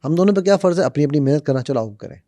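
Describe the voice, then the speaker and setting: Guy on a podcast, lively, tells stories, kinda high voice, dead dry room. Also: no room sound. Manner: animated, lively storytelling and acting out quotes. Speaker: guest speaker on conflict management. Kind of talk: podcast conversation, storytelling with acted quotes.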